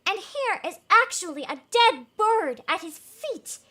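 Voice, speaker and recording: Woman as vain town mayor, pompous, high voice, drawn-out emphasis, storybook character. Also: very animated, pushed and bright, heavily acted. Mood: haughty.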